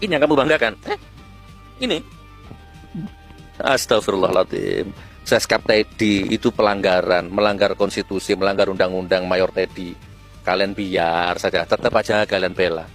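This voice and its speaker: A man delivering a scornful, fiery rant with sudden high-pitched outbursts. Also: steady tone, normal speed, pauses often, faint music behind. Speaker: preacher-style political commentator. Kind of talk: ranting monologue.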